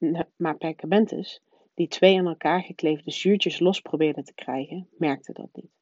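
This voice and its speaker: A woman reading a children's novel aloud in a soft, low-key narrating voice. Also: steady tone, measured pace, dry recording. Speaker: reader. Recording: dull, dry lo-fi recording.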